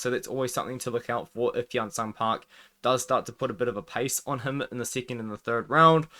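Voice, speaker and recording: A man's voice: medium pitch, bright, forceful tone. A man giving casual, conversational fight preview commentary, with a slight lisp from wearing a retainer. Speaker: MMA fight prediction host.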